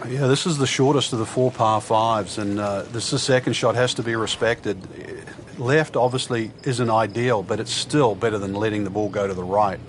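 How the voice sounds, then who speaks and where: A man working as a golf commentator, giving thoughtful, measured color analysis in a conversational way for a video game. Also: fairly low pitch, fairly even intonation, natural voice. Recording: noisy outdoor crowd ambience behind. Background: crowd and outdoor noise.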